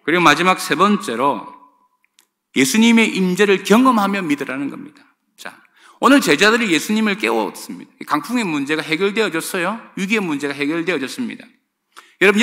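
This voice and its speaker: A man's voice: a little high, bright, forceful tone. A middle-aged male pastor preaching a sermon, speaking emphatically and addressing the congregation directly. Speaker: senior pastor.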